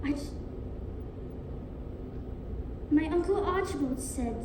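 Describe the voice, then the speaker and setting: A woman's voice: high-pitched, animated, fairly quick. A woman playing a stubborn, hot-tempered young orphan girl in a stage play, speaking with childish bluntness. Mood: defiant. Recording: distant, echoey, noisy stage recording.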